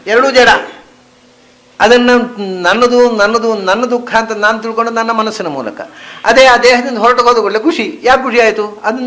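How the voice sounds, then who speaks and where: A man, teaching a scripture discourse, chanting verses and then explaining them, moving from soft murmurs to emphatic stresses. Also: high voice, low-quality recording. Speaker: spiritual teacher.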